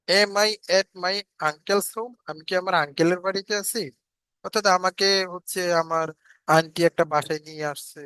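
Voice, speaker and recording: Bright-voiced man teaching English. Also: high voice, no echo, low-quality recording. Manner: slowly repeats English example sentences, then translates them. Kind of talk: spoken English lesson.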